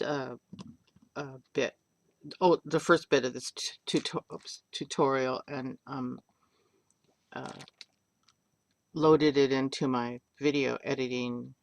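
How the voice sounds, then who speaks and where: An older woman talks through a clay craft at her table, taking her time with an unhurried, drawn-out pace. Her voice has a gravelly fry to it, and she rambles and cracks jokes at her own expense as she works. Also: rumbling low, dry recording. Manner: rambling, joking, self-deprecating. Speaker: polymer clay artist teaching. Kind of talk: chatty craft tutorial. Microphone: webcam.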